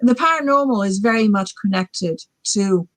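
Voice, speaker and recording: A woman's voice: medium pitch, normal speed, dry recording. Dry-voiced woman in her forties, rambling. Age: 40s. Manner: enthusiastic, rambling, filler-heavy. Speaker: guest author. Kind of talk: casual podcast chat.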